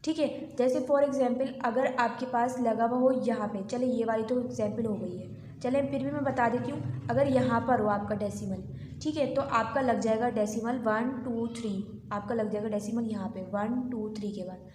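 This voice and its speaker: A woman's voice: on the high side, steady tone, normal speed, darkish tone, echoey room, a little hiss or hum. A woman maths teacher explaining a lesson step by step, patiently counting numbers aloud and checking in often. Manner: patient, repeats counts aloud, frequent "theek hai".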